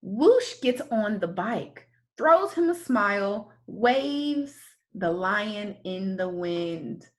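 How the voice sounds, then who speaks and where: Here a woman with a voice of middling pitch reads a children's story aloud. She performs it as a storyteller would, deliberately and expressively, leaning into dramatic emphasis.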